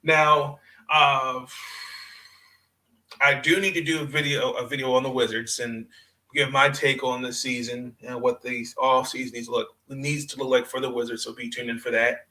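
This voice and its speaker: A man hosting a sports podcast in casual, unscripted talk, halting and repeating phrases as he goes. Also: mid-range voice, level tone, sharp tone, poor audio.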